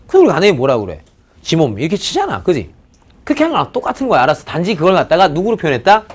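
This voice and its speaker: Animated man teaching math, lively pitch. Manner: animated and drawn-out, stretches words for emphasis, constant "그지?" and "오케이?" check-ins. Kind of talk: recorded online math lecture.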